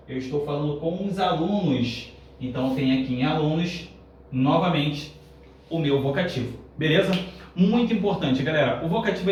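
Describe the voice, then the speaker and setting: A Brazilian man teaching grammar in an upbeat, explanatory way, slowing down on his examples and checking in with the class. His voice sits a bit high for a man. It sounds very echoey and distant, picked up from across a classroom with a faint hiss behind. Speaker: Portuguese teacher.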